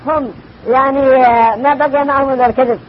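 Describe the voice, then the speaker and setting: A man's voice: very high-pitched, steady tone, fast talker, dull audio, slight background noise. A religious scholar answering a question, repeating phrases as he lists examples, heard from an old worn cassette tape.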